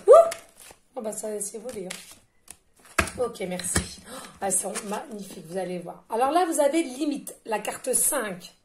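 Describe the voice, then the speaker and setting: A woman with a high, loud and carrying voice talks through a tarot card reading in a relaxed, chatty way. She laughs often and stumbles over fillers as she goes. No microphone is used, and a faint hiss sits under her voice. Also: a little slow, pauses often. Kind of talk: casual card-reading guidance. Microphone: no microphone, picked up by the device directly.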